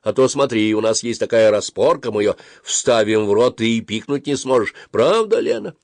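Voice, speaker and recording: A man's voice: on the low side, steady tone, normal speed, a little mellow, no room sound, natural voice. A man voicing a small, stern female dentist who speaks firmly and commands. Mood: coaxing firmly. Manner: firm, commanding, raised voice. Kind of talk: audiobook character reading.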